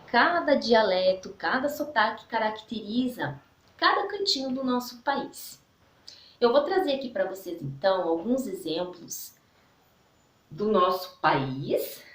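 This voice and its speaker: Slow, patient Brazilian woman teaching. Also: fairly high pitch, reverberant. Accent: Brazilian Portuguese. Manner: slow, didactic, checks in with "né?" and "tá?". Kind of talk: recorded online class.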